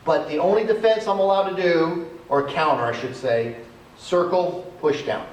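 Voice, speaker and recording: Man, martial arts instructor, step-by-step demo talk, slightly high voice, echoey and distant. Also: normal speed. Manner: step-by-step explaining while demonstrating. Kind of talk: demonstrating self-defense techniques. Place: outdoors on a cement area. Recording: echoey, distant camera audio.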